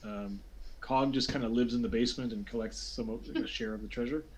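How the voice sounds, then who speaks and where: A man's voice: mid-range voice, fairly even intonation, a little fast. A man narrating a tabletop fantasy game as game master, talking loosely with many fillers and restarts.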